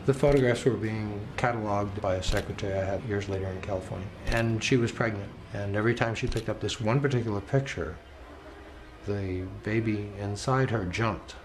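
Man interviewee, calm low voice, steady background hiss. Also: a little fast. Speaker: documentary interviewee. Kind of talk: interview recollection.

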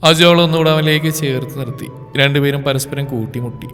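A man reading a romance story aloud in a slow, emotive narration. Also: mid-range voice, fairly bright tone. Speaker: story presenter. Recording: reverb with background music.

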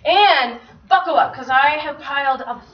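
High, loudly projecting American woman lecturer. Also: moderate pace. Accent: American with some Minnesota. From Las Vegas, United States. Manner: loud projection to the back of a room; exuberant, effusive. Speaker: guest lecturer. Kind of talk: informal public lecture. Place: large, full seminar room. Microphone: distant room microphone, speaker not miked. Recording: muffled, distant room recording with audience noise.

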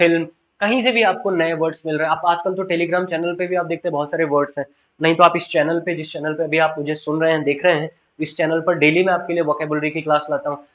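A man with an Indian accent teaching a spoken English class, earnest and encouraging, repeating his key points. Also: on the high side. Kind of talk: online class lecture mixing Hindi and English. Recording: slightly dull lo-fi sound.

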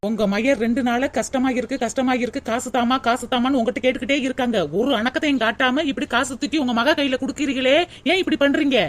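A woman's voice: high-pitched, steady tone, quick pace, natural voice. A woman voicing a put-upon young daughter-in-law in a cartoon, with a Kanyakumari Tamil accent and a complaining manner. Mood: indignant. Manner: complaining, pleading to the audience.

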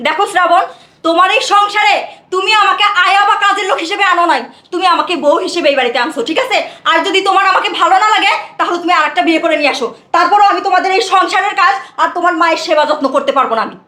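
A woman's voice: extremely high pitch, very fast, sharp tone, echoey room. An actress playing a spoiled, arrogant young wife who mocks and defies her in-laws in a short-film drama. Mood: defiant. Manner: mocking, defiant.

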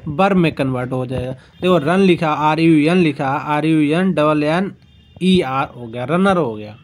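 A male teacher giving an exam-prep grammar lesson, explaining slowly and repeating himself, spelling out letter by letter. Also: fairly high pitch. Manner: slow, repetitive explaining, spelling words out letter by letter.

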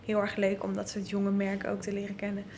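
A woman in her twenties speaking with an English-sounding Dutch accent in a casual, halting vlog style, often interrupting herself. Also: medium pitch, completely flat delivery, crowd noise. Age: 20s. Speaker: vlogger. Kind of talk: casual vlog talk to camera. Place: indoor showroom.

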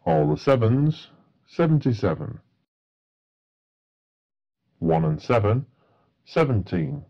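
A man calls bingo numbers in a formulaic, matter-of-fact way. His voice is husky and swings noticeably in pitch as he goes at a slow pace. The sound is a little dull and lo-fi. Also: big pitch swings. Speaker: bingo caller. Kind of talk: bingo calling, each number announced in a set phrase.

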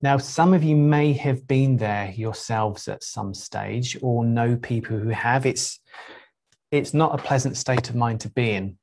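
A middle-aged man, a spiritual teacher, speaking to a group in an unhurried, reflective way with frequent pauses and 'um's. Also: mid-range voice, a little mellow.

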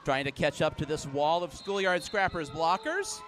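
A man calling live play-by-play, with brisk calls that jump up in pitch and loudness on big plays. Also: slight background noise. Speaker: play-by-play commentator. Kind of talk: live sports commentary.

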